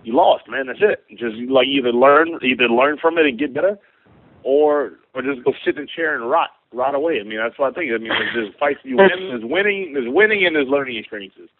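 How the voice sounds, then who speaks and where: A man's voice: medium pitch, animated, brisk, a little hiss or hum. A male fighter talking casually and colloquially in a rambling interview answer on a conference call by phone. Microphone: telephone. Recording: tinny dry phone line.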